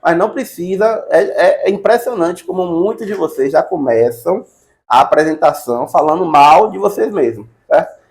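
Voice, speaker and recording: A man's voice: a little high, animated, moderate pace, gravelly. A middle-aged Brazilian man teaching casually, chatty and encouraging, often adding "né" and "tá bom". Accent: Brazilian Portuguese. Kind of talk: casual advice lesson.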